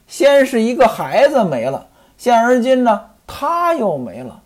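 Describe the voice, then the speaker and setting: Brief: a grieving rich man, heartbroken and self-pitying, crying out in a lively, rising and falling voice, a storyteller doing the part. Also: mid-range voice, measured pace, pitched above the performer's own voice.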